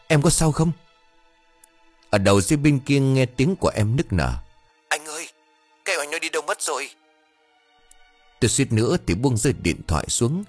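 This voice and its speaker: A man reading a horror story aloud, tense and dramatic, shouting out the characters' lines. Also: low-pitched, breathy edge. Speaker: audiobook narrator.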